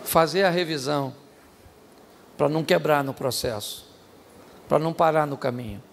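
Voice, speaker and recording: A Brazilian man preaching a sermon as pastor, animated and joking, shouting out the lines he acts out. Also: on the high side, normal speed, gravelly, slight background noise. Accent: Brazilian Portuguese. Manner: animated, jokey, shouts acted-out quotes. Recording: reverberant hall, faint ambience.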